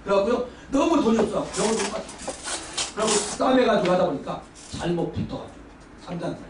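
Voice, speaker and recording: A male pastor giving a lively sermon lecture, exuberant and loud, often shouting and leading the congregation in call-and-response. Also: high voice, fast. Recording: roomy hall from far off, faint background noise.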